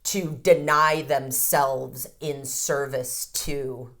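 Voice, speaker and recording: A woman's voice: very deep voice, steady tone, extremely slow, a bit bright. A woman in her fifties, a counselor, talking frankly and reflectively in a podcast interview, with the odd casual swear word. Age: 50s. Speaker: codependency counselor and ceremony guide.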